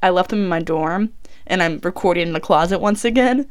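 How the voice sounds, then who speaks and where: A young woman, a college student vlogger, records herself indoors in a small clothes closet. Her voice is fairly low, quick, and clean in tone as she tells a true crime story in a rambling, chatty way, packed with fillers and self-corrections.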